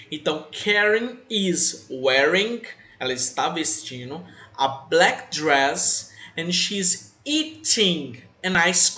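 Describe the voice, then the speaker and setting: A man's voice: high-pitched, sharp tone, roomy sound. A young man teaching an English grammar lesson to children, patiently spelling out rules and repeating them step by step. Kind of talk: online class lesson for children.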